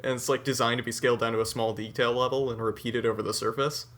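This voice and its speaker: An eighteen-year-old man from the United States co-hosting a podcast, chatting in animated, opinionated run-on sentences. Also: medium pitch, fast. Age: teens. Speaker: podcast co-host. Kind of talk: casual chat.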